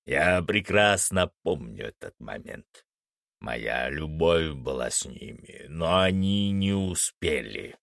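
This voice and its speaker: A man voicing a gruff old male werewolf in an audiobook, with a slow, growling, suspicious way of talking. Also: deep voice, animated, fairly bright tone, dry recording, studio quality, pitched below the performer's own voice, full character voice. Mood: grim. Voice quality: gravelly, growling. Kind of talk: audiobook character voice.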